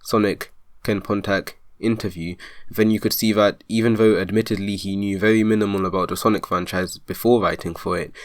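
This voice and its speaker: A man with a lowish voice argues back point by point, exasperated and insistent, in the manner of an online commentary. His voice sounds close and dry, with no room around it. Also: dry recording. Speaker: video commentator rebutting a review. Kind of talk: argumentative commentary.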